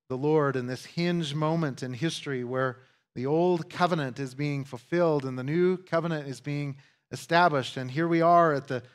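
A man's voice: a little high, fairly bright tone. A male pastor giving a conversational teaching sermon, with asides and emphatic repetition.

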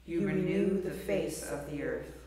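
A man leading a repeated psalm refrain at a church service, with a measured, chant-like delivery and a cathedral echo. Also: mellow. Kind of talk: church liturgy. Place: large church. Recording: booming cathedral echo with faint noise.

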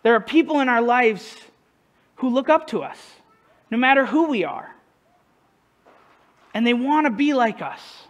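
High-voiced casual male pastor. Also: animated, measured pace, long pauses, dull audio. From northern United States. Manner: conversational, self-deprecating, asks the congregation questions. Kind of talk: casual sermon.

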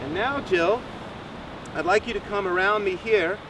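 A man's voice: high-pitched, normal speed. Encouraging male teacher on a windy beach. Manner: encouraging, explains step by step. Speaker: rainwater harvesting teacher. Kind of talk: outdoor teaching demonstration. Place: sandy beach outdoors by the surf. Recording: distant outdoor mic with surf noise. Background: waves and wind.

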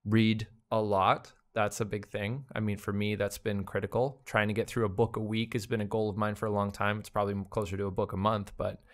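A man with a fairly low voice talks through ideas on a casual conversational podcast. He muses out loud, circling back with fillers and half-finished restarts as he works out his point. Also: fairly quick, hardly any pauses. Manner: relaxed, thinking aloud with fillers and restarts. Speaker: podcast co-host.

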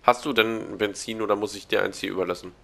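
A man casually playing a game with a friend, calmly narrating what he finds. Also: fairly low pitch, fast, vocal fry. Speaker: let's play co-player. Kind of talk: casual gaming banter.

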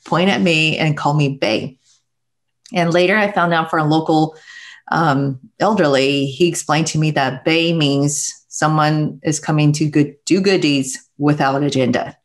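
A middle-aged woman from Taiwan, a guest speaking earnestly and reflectively with soft laughs, heard over earbud mic on a video call from a home room. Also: sits low. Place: home room with bookshelves, indoors. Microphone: wired earbuds headset on video call.

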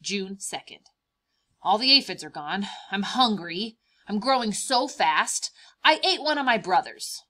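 Her mantis character, cheerful and boastful in the read-aloud, comes across expressive and emphatic, with words pulled long. She uses a mid-range voice at a measured pace, sounding matter-of-fact and hungry.

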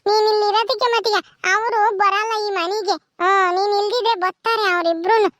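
A woman's voice: very high voice, steady tone, a little fast, fairly bright tone, no room sound, clean studio sound, pitched above the performer's own voice. A woman voicing a naive, stubborn young woman in a cartoon, speaking in a sulky, childlike whine. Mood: defiant.

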